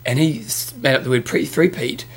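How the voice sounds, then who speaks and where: A man's voice: mid-range voice, moderate pace, gravelly, a little hiss or hum. A man with a broad New Zealand accent co-hosting casual sports chat, slangy and matey, often chipping in with questions. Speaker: co-host of a triathlon show.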